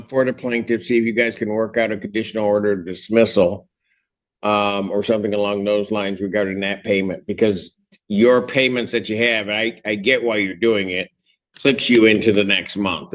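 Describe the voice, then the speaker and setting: A male judge running a courtroom hearing, brisk and directive as he moves through cases. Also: on the low side, fairly even intonation, muffled recording.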